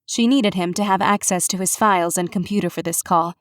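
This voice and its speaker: Woman narrator, measured cozy-mystery read, dry close studio sound. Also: lowish voice, dry recording. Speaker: audiobook narrator. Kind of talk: scripted narration.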